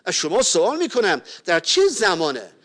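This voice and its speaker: A man's voice: high-pitched, huge pitch swings, a bit bright. A man preaching a sermon, earnestly explaining scripture and calling his listeners beloved. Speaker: pastor.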